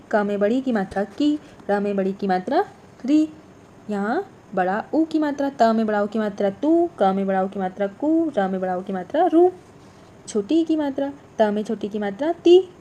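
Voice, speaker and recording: Clear, patient woman teaching small children. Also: medium pitch, lively intonation, mellow, a little hiss or hum. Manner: slow, clear, repeats each letter and word. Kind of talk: workbook lesson for young children.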